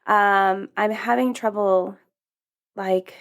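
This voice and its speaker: A woman's voice: mid-range voice, steady tone, slow pace. A woman hosting a self-help podcast, talking candidly in a casual, rambling way with fillers and self-corrections. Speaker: podcast host.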